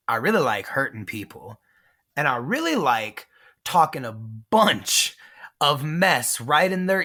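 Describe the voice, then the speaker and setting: A pro wrestler guest from Texas cuts a boastful, menacing trash-talk promo in his heel persona. His voice runs on the high side, pushed and bright.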